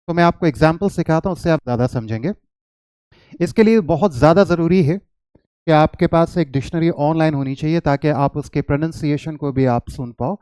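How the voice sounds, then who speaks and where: A man teaching an English lesson who explains patiently, spells words out letter by letter and reads example sentences slowly. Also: a little high, mellow, dry recording.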